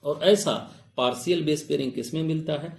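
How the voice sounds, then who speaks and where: Speaking fairly quickly in a creaky, higher-pitched voice, a biology teacher runs an exam-prep lecture in an echoey room. He switches between Hindi and English scientific terms, constantly questioning his students and calling them "babu."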